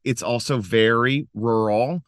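A man's voice: medium pitch, a little slow, dry recording, clean studio sound. An American man chatting casually as an interview guest, recording from inside a clothes closet. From Western North Carolina, United States. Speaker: podcast guest, social impact entrepreneur.

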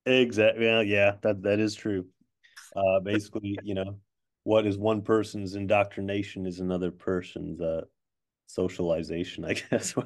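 Low-voiced man hosting a casual podcast. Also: level tone, normal speed. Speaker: podcast host. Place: office. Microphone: not his regular microphone.

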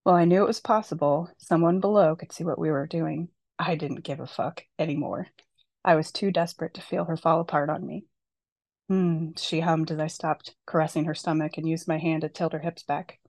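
A woman author reading a passage from her own novel aloud, at a steady, unhurried pace with light emphasis on the dialogue. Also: deep voice, no room sound.

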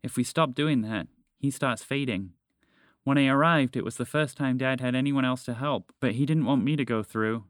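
A man voicing an excited young girl who explains things in a quick, urgent rush for a storybook podcast. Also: medium pitch, no room sound, studio quality, natural voice.

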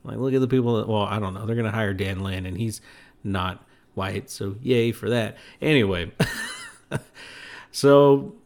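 A man with a slightly low voice hosts a solo podcast. He rambles from one thought to the next, mocks himself and laughs at his own jokes. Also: moderate pace, vocal fry. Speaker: podcast host. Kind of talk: casual solo podcast monologue.

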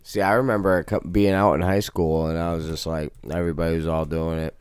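A man's voice: sits low, flat delivery, fast, smooth, dry recording, studio quality. A man guesting on a podcast, talking bluntly and swearing casually. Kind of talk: casual chat.

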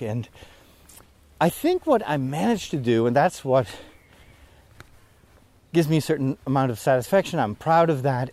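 Medium in pitch and mellow, his voice carries a rambling walking vlog as he climbs a wooded hill. He's a priest and vlogger, worn out and short of breath, tossing in self-deprecating remarks.

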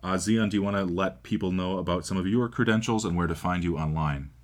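A low-voiced man hosting a podcast, talking in a loose, easygoing way. He laughs off his own slips and keeps the chat casual. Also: quick pace. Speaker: podcast host.

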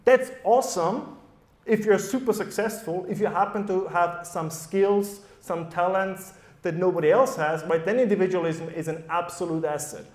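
A man's voice: sits high, fairly even intonation, moderate pace. A man with a German accent speaking on a live panel to an audience, conversational and often checking in with "right?". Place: event hall at a summer school. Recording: echoey hall.

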